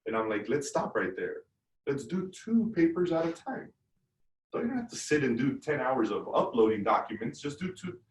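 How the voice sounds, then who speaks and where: A man leading a real estate team meeting, giving an energetic motivational talk and repeating himself as he coaches. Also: medium pitch. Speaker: brokerage leader running team meeting. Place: room on a video call. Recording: roomy audio from far off.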